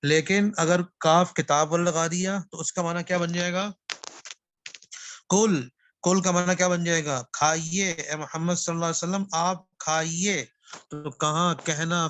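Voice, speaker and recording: A man teaching Quran recitation in a classroom lesson. He asks questions, answers them himself, repeats key phrases and slows down to recite verses. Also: fairly high pitch, steady tone, fairly bright tone, slight background noise.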